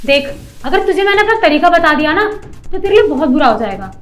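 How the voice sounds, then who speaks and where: A woman's voice: sits high, big pitch swings, fast, a bit bright. A woman playing a rude, haughty office manager in a short skit, talking down and scolding. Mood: scornful. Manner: scolding, bossy, condescending.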